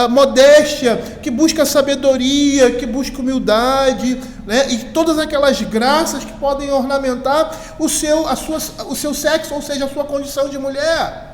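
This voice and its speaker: A male pastor with a Brazilian Portuguese accent, preaching an expository sermon in a conversational teaching manner, checking in with frequent tag questions, through a church microphone. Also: high voice. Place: church sanctuary. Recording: echoey hall with long reverb, faint hiss.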